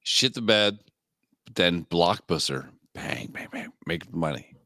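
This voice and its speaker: A man co-hosting a casual podcast, easygoing and quick to laugh. He talks slowly in a low voice that still moves around a lot. Dry, close recording. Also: lively intonation, pushed and bright, dry recording. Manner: laid-back, agreeable, laughs a lot. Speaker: podcast co-host. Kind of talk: casual chat.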